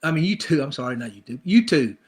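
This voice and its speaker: A man's voice: a little high, lively intonation, quick pace. A middle-aged male pastor preaching a conversational sermon, acting out people's inner thoughts with repeated phrases.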